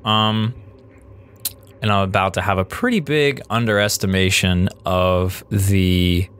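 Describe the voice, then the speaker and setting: Low-voiced man casually commentating his own replay. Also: steady tone, slow pace, fairly bright tone, a little hiss or hum. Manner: thinks aloud, answers viewer questions. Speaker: gaming channel host.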